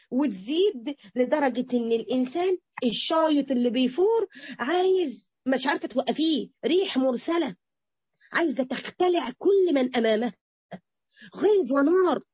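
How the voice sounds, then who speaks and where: Egyptian woman teaching religion, husky voice, dull lo-fi tape, very dry. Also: sits high, dry recording. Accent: Egyptian Arabic. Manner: animated, acts out quoted speech. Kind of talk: Quran interpretation lesson to women.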